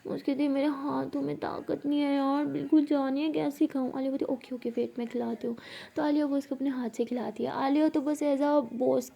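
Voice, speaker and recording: High, gravelly-voiced woman telling a story. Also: level tone, fairly quick, mellow. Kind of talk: casual spoken storytelling with voiced dialogue.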